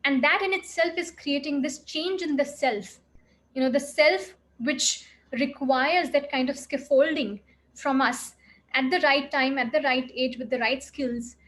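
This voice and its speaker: High-voiced woman lecturing. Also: unhurried, a bit bright. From India. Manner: earnest, heavy use of "you know" fillers. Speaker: clinical psychologist giving an expert talk. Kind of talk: reflective expert talk.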